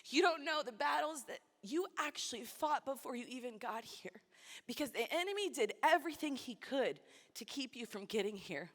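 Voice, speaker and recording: A woman's voice: sits high, expressive, normal speed, fairly bright tone. A woman preaching a sermon to a conference, emotional and close to tears at times. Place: large church hall. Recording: long church hall reverb.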